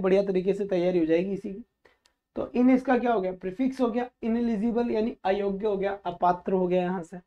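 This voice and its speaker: In a high voice heard through dull audio, a man leads a live online vocabulary lesson. He drills the class by posing questions and supplying the answers himself, addressing the students warmly and instructively as "beta."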